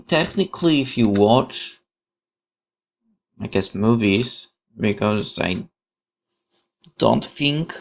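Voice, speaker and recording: A male let's player with a mid-range voice and vocal fry reads visual novel narration to his viewers. He delivers it like a dramatic storyteller, adding thoughtful commentary along the way.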